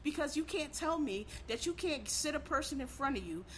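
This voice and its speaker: A woman's voice: sits high, expressive, brisk, fairly bright tone, a little hiss or hum. A woman talking in a casual opinion monologue as a podcast host, blunt, profane and heated, with emphatic repeated restarts.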